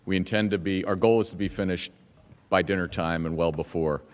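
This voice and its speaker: A man's voice: deep voice, steady tone, a little fast. A man speaking as a lawyer to a legislature in a formal but plain procedural address. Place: large indoor legislative chamber. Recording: echoey hall.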